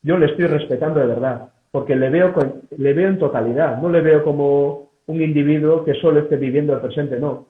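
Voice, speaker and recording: A man's voice: a little high, fairly quick, hardly any pauses. A male psychologist, explaining his ideas in an interview and often checking in with his listeners. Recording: echoey, phone-like audio.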